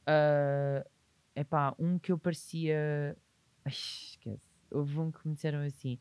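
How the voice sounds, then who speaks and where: A man's voice: fairly high pitch, little pitch movement, measured pace, a little mellow, clean tone, dry recording. Candid young Portuguese man, dry sound. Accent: European Portuguese. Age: 20s. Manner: emphatic, open and reflective, with sudden laughs. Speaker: guest entrepreneur. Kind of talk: candid podcast conversation.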